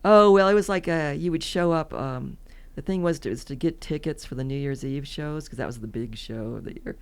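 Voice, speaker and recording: A Californian woman in her seventies tells rambling, chatty stories as a guest on a podcast, laughing often in this casual interview. Her deep voice is clear and resonant, and she talks fairly quickly.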